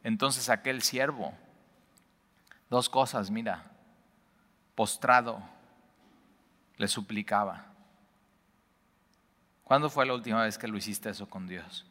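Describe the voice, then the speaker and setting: A man preaching a sermon, swinging between emphatic bursts and hushed, intimate lines. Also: on the low side, slow pace, long pauses. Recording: long reverb of a large hall.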